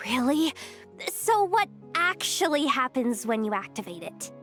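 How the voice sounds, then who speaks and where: Curious young heroine, high lively voice, easygoing, game dialogue, faint music. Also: female voice, a little slow, exaggerated voice.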